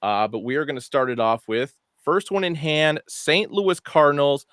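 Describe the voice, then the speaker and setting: A man co-hosting a casual online show about new hats, chatty and animated, often correcting himself mid-sentence. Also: on the high side, normal speed, smooth, no echo, clean studio sound. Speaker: co-host presenting hats. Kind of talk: casual product show talk.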